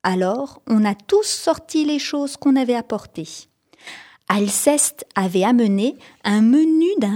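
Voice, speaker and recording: A woman narrating a children's storybook, lively, raising her voice for the characters' lines. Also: on the high side. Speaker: audiobook reader.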